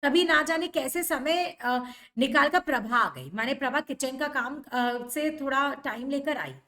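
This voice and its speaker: A woman's voice: high-pitched, a little slow, pushed and bright. A young woman teacher who reads a novel passage by passage and explains each line in simple words.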